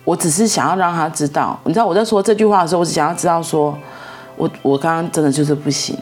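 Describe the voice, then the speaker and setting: A woman's voice: sits low, fast talker, darkish tone, faint music behind. A middle-aged woman, telling a story in a casual, rambling way and repeating herself as she goes. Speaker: vlogger.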